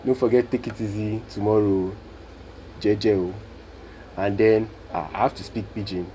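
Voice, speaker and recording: A man's voice: on the low side, steady tone, fairly quick, dark tone, a little hiss or hum, low-quality recording. A Nigerian man hosting a casual solo podcast, speaking earnestly and repeating his points for emphasis. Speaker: podcast host.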